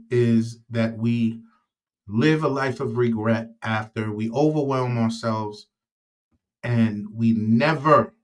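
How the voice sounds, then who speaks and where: A man talks straight to parents in a casual recovery monologue, at an ordinary middle pitch. He is earnest and halting, full of fillers and restarts. He gets louder on the words he wants to land. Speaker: recovery talk host.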